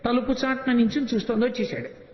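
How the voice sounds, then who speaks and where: High-voiced man telling a devotional story. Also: sing-song, quick pace, slight background noise. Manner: storytelling with acted dialogue and chanted Sanskrit verses. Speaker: pravachanam speaker. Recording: echoey hall, dull lo-fi sound.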